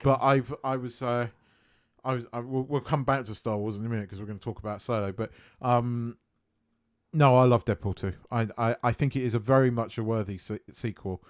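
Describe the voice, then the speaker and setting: A man co-hosting a casual film chat, animated and swearing freely, laughing often. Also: medium pitch, fairly quick. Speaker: podcast co-host.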